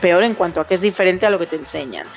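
A woman's voice: lowish voice, very fast, muffled recording. A woman from Zamora, Spain, with a Zamora Spanish accent, co-hosting a podcast and telling stories in a chatty, casual way over faint music. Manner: chatty storyteller, quotes others in lively voices. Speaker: podcast co-host. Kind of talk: casual chat.

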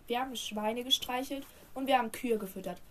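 A woman's voice: on the high side, a little fast, a little hiss or hum. Giggly woman reading an old notebook. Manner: giggly, slangy, animated reading. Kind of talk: casual chat, reading an old school notebook aloud.

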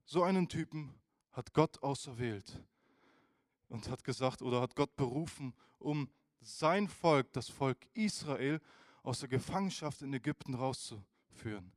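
A man preaching a casual youth sermon, informal and animated, who speaks straight to his listeners. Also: mid-range voice, measured pace, no room sound, clean studio sound.

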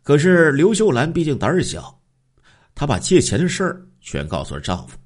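A man's voice: a little high, wildly swooping pitch. A man narrating a story in a dramatic oral storytelling style, drawing out phrases. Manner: dramatic, drawn-out phrasing with filler particles.

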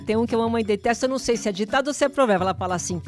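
A woman co-hosting a podcast, talking in a lively, conversational way and asking the guest questions. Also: fairly high pitch, very fast, music in the background. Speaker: podcast co-host. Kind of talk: podcast interview.

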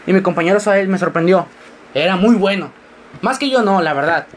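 A sixteen-year-old boy from northern Mexico, with a mixed regional Mexican accent, hosts a casual podcast monologue in a high, animated voice. He rambles through jokey, self-mocking stories, shifting tone quickly, with slight background noise behind him.

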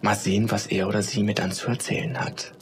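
A man's voice: on the low side, level tone, fairly quick, noisy background, lightly acted. A man voicing a lonely old woman. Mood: content. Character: shy lonely old woman on a park bench.

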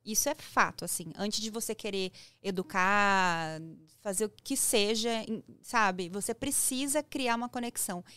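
This Brazilian Portuguese-accented woman appears as a parenting guest in a podcast conversation, talking at a moderate pace in a clear, resonant, medium-pitched voice. She's emphatic and lively, performing dialogue as she goes, and the studio mic recording is dry.

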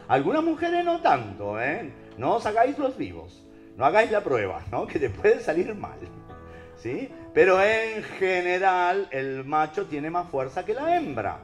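A man with a Rioplatense accent preaches to listeners, peppering his talk with rhetorical questions. His voice sits a little high and leaps up and down with emphasis. Soft music plays faintly underneath. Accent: Rioplatense Spanish. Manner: animated, rhetorical questions to the audience.

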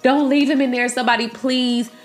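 A woman's voice: high voice, little pitch movement, fairly quick, soft background music. Emphatic young woman ranting to viewers. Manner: emphatic, slangy, addresses viewers as y'all. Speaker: vlogger reacting to a series. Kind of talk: casual chat.

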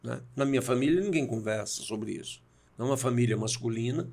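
A man's voice: medium pitch, brisk, vocal fry, a little mellow. A man in his sixties from Brazil speaks as a podcast guest with a mid-range voice. He tells personal stories in a reflective way and acts out the voices in the conversations he recalls. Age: 60s. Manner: reflective, acts out quoted dialogue. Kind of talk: storytelling in a conversation.

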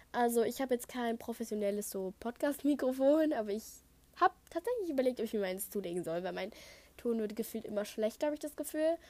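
A thirteen-year-old girl from Saxony hosts her own chatty podcast, answering listener questions one after another. Her voice sits fairly high, and she rambles, trails off and fills gaps with hesitations. She records at home on a simple headset mic. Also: darkish tone. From Saxony, Germany. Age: teenager, thirteen and a half. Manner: chatty, rambling, wanders off topic with many fillers. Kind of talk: casual chat podcast. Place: at home, construction noise outside. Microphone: Apple headset.

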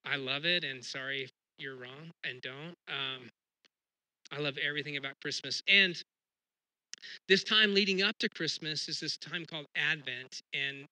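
Bright, conversational male pastor preaching. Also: fairly high pitch, normal speed, dry recording, poor audio. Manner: conversational, self-deprecating, lots of restarts. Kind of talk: sermon.

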